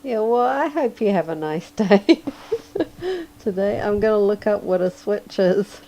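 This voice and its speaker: A hoarse, sleepy woman rambles through a casual livestream chat as she draws, chuckling often. Her voice is gravelly and mellow, and she talks in an unhurried drawl. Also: medium pitch. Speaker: livestreaming digital artist.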